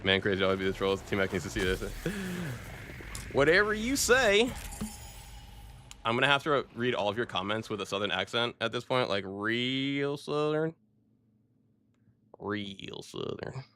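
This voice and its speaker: A man's voice: mid-range voice, very animated, moderate pace, sharp tone, a little hiss or hum. A man streaming a shooter game, chatting casually and laid-back, throwing in "bro" and "dude.". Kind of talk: casual gameplay commentary.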